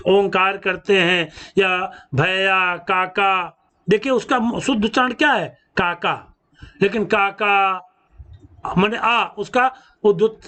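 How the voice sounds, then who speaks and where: A man teaching a grammar lesson, drawing out each sound slowly as he explains. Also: high-pitched, a bit bright. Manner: slow, drawn-out teaching delivery with stretched sounds. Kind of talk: classroom lesson.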